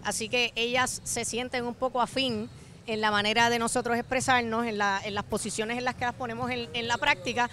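A woman in her thirties with a Puerto Rican accent, a youth basketball coach answering interview questions at a handheld mic courtside, measured, with "este" fillers. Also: a little high, steady tone, pushed and bright, slight background noise. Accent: Puerto Rican Spanish. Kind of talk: televised interview. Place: courtside in an indoor basketball arena. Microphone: handheld microphone.

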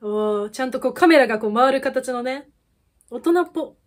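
Reacting casually over a music video, a young woman who runs an idol fan YouTube channel chats away. Her voice is fairly high, and she gushes with quick exclamations and bursts of laughter.

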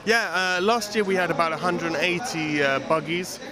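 Slightly high man, hesitant organiser. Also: normal speed, a crowd in the background. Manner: hesitant, filler-heavy. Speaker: event organiser. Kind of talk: interview answers. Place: large indoor event hall. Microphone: handheld mic.

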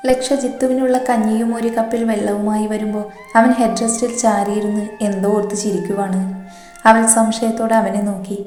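A woman storyteller reading a story in a steady, flat, even tone with little lift. Her voice echoes in a roomy space. Faint background music runs beneath. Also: medium pitch, a little fast. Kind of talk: scripted story narration.

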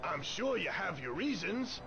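An actor playing a casual, street-wise local man in a video game, with a creaky voice. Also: high-pitched, sing-song, unhurried, lo-fi sound, music in the background. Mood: casual, curious. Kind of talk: video game English dub. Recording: noisy game audio with street ambience.

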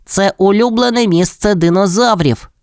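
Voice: medium pitch, moderate pace, darkish tone, smooth, no echo, studio quality, pitched above the performer's own voice, lightly acted. A storyteller voicing a friendly boy who speaks the dinosaurs' language in an audio fairy tale. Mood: earnest.

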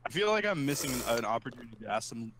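A man's voice: medium pitch, very animated, racing, fairly bright tone, a little hiss or hum. A young man chatting casually over a game with teasing, sweary banter. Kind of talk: casual chat while gaming.

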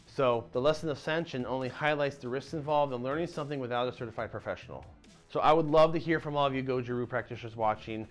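A man in his thirties, mid-pitched, explains to camera with animated gestures and the odd casual aside. He is close on a lapel mic in a dim indoor room. Faint music plays quietly underneath. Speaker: martial arts channel host.

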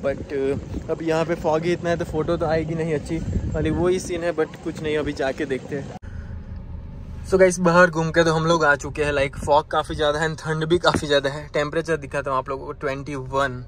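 On a rainy, fog-covered hilltop, a young man vlogs his trip and chats casually with viewers, addressing them as "guys." He speaks a little high, flat and fairly quick. It's an outdoor recording made on a handheld phone at arm's length, with background noise clearly audible.

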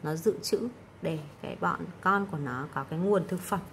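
A woman teacher with a fairly low voice walks through the answers of an English exam one by one, pausing often to check that her students follow. A faint room hum sits under her voice. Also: gravelly. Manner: explanatory, frequent "đúng không?" check-ins.

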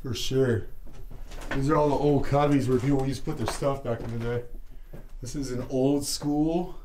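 An easygoing man in his thirties speaks at a slow pace and a middle pitch. He chats in slangy, amazed phrases like a casual exploration vlogger, recorded on a handheld camera with noise around him. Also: darkish tone. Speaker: vlogger exploring abandoned buildings. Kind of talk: casual exploration vlog chat. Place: outdoors and inside derelict empty buildings. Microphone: camera held at arm's length.

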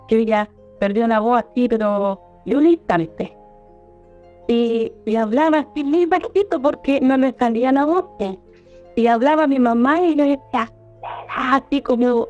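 A woman with a Chilean accent, her voice sitting a little high, tells a personal story in a halting, rambling way, circling back and restarting words. The audio is muffled and lo-fi, as if through a phone, with faint music underneath. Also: darkish tone. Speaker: storyteller guest. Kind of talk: recounting a personal experience.

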